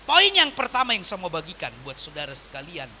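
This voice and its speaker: Animated preaching man, bright voice. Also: sits high, fairly quick, a little hiss or hum. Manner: animated preaching with wide swings in volume. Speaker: pastor. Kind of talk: sermon.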